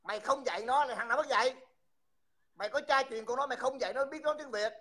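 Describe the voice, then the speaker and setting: A man's voice: extremely high pitch, quick pace, bright, forceful tone. A man, hosting a livestream and mockingly insulting someone over and over. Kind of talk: heated livestream taunting.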